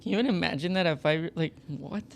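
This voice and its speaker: A man's voice: on the high side, creaky, a little hiss or hum. Playful man hosting a podcast. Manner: playful, joking, quick follow-up questions. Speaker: podcast co-host. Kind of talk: casual podcast interview.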